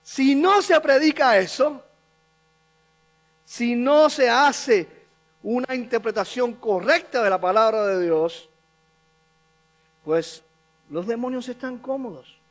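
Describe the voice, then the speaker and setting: Male pastor with a very high voice, emphatic preaching that repeats its points. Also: takes it slowly, long pauses. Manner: emphatic, repeating key phrases for stress. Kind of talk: sermon.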